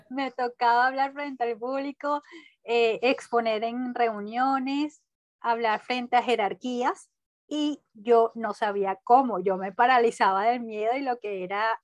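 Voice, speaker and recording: A young woman telling a personal story in conversation, animated, laughing often and acting out her own inner voice. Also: a little high, no room sound, clean studio sound. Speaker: guest.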